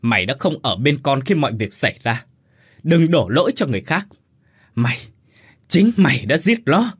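A man's voice: medium pitch, big pitch swings, moderate pace, husky, voice pushed up. A man voicing a brutal husband who roars curses at his wife in a storybook tale. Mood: roaring blame. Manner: roaring, cursing. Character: brutal violent husband, roaring.

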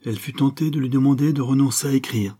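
A man narrating a classic novel as an audiobook in a measured, expressive manner. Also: mid-range voice, breathy edge.

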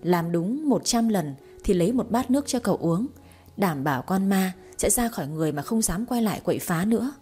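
A woman reading a story, voicing a sharp-tongued young wife who fakes exorcism chants in mock gibberish. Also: mid-range voice, animated, brisk, slightly rough, soft background music. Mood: brash. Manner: brash, mocking, gibberish chanting.

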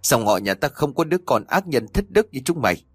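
A man's voice: medium pitch, big pitch swings, brisk, breathy edge, no room sound, faint music behind, pitched above the performer's own voice. A man voicing an old mother who scolds her cruel son, then wails in grief. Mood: stern scolding. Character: stern old mother, wronged and grieving.

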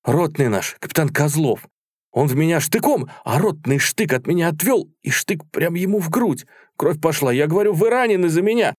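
A man's voice: mid-range voice, fast talker, hardly any pauses, darkish tone, dry recording, clean studio sound, voice pushed up, close to an everyday voice. A man reading aloud, voicing a tall, awkward soldier eagerly retelling a battle.

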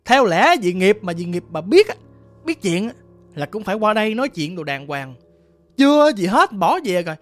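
Southern Vietnamese accent, ghost story narration, very lively pitch, vivid sound words. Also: normal speed, no echo, soft background music.

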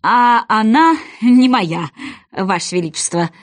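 A woman's voice: a little high, takes it slowly. A woman doing a mumbling, flustered hat-maker witness. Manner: mumbling, apologetic.

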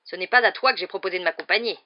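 Storybook villain uncle: blustering, menacing, shouting, as the reader acts him out; dull recording. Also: medium pitch, sing-song, a little fast, close to an everyday voice. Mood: furious. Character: fat bullying middle-aged uncle, blustering and furious.

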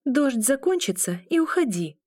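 A woman's voice: sits high, big pitch swings, moderate pace, darkish tone, no echo, pitched above the performer's own voice. A woman voicing a shy, flustered young woman who fusses anxiously over an injured man. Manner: raised, anxious exclamations.

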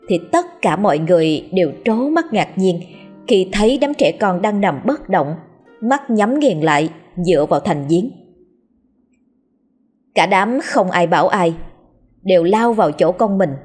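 A woman narrating a scripted ghost story in a steady, dramatic storytelling manner. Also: on the low side, slightly rough.

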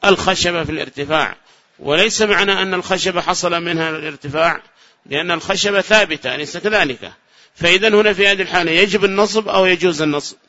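A man teaching a classroom grammar lesson. He asks the class questions, answers them himself, and repeats the key phrases slowly. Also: high voice, sharp tone. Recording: dull lo-fi lecture recording.

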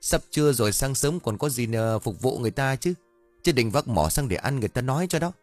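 A man's voice: mid-range voice, animated, quick pace, soft background music, voice pushed up, natural voice. A man doing a nagging middle-aged wife. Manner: nagging, scolding.

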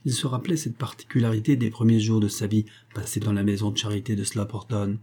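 A man narrating a classic novel in a measured, even reading voice. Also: on the low side, breathy edge. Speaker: audiobook reader. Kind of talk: scripted narration.

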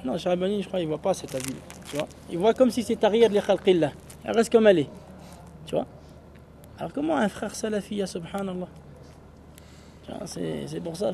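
A man teaching an Arabic class in a rather high, mellow voice. He explains in French, slips in Arabic phrases and keeps checking whether his students follow. A faint hiss of noise sits under the recording. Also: vocal fry. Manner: explains in French mixed with Arabic phrases, asks "tu vois?" often.

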